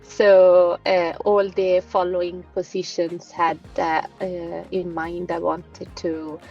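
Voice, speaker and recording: A woman in her forties from Rome with a light Italian accent, a guest telling her career story in an interview, pausing often with fillers. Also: on the low side, little pitch movement, mellow, highs cut off, soft background music. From Italy, Rome. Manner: thoughtful, many fillers and pauses. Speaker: guest scientist. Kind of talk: conversational interview.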